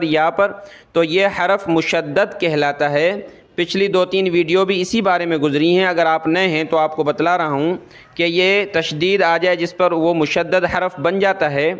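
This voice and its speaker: A man teaching Quran reading step by step, stretching out sounds in slow recitation between plain explanations, and asking the learner questions before answering them himself. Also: fairly high pitch, fairly bright tone.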